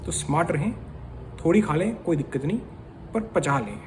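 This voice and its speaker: A man from India holds forth in a casual vlog, chatty and opinionated, steering his viewers like a lecturer. His voice sits high for a man, with a faint hiss of noise underneath. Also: expressive, normal speed, a little mellow. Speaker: vlogger.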